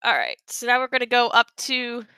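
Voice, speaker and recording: A woman's voice: fairly high pitch, animated, fairly quick, pushed and bright, clear, resonant tone, no echo. A woman giving casual, chatty live commentary on her own game run, with playful asides.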